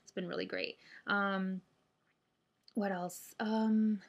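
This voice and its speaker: A woman's voice: mid-range voice, fairly even intonation, slow pace, dull audio. A woman chatting casually to camera as a vlogger, hesitant and thinking aloud, speaking with a stiff mouth and limited jaw opening after jaw surgery. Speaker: vlogger sharing surgery recovery update.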